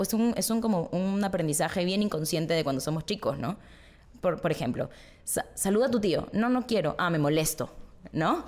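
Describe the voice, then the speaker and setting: A woman psychologist with a low voice explains ideas patiently in an interview. She often ends her points with a short question tag. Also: darkish tone.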